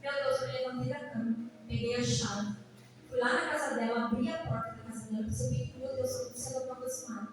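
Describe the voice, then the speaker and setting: High-voiced Brazilian woman preaching in a hall. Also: fast, music in the background. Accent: Brazilian Portuguese. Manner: animated, calls out to the congregation, sings out phrases. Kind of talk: sermon. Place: church hall. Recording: echoey hall, distant mic, faint noise.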